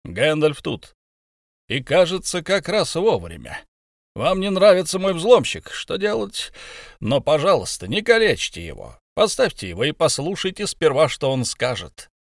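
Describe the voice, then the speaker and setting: A commanding old wizard, as a male reader puts him on in a voice pitched a little above his own. He sounds wry and in charge, in a dry storybook reading. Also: big pitch swings, normal speed, vocal fry, dry recording, heavily acted.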